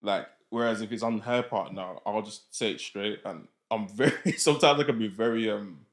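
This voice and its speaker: A man's voice: fairly low pitch, normal speed. A man with a London roadman accent and street slang, chatting casually on a podcast.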